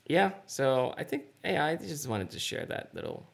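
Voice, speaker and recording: A man's voice: on the high side, big pitch swings, normal speed, creaky, husky. A man co-hosting a podcast in casual chat, laughing often and restarting his sentences. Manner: laughing, stammering restarts, playful. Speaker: podcast co-host.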